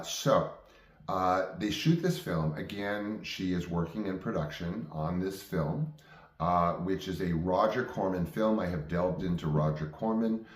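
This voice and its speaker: A man in his fifties reminisces casually as a vlog host, halting and digressing as he goes. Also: low-pitched. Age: 50s. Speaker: vlog host telling personal stories. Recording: roomy, echoing sound.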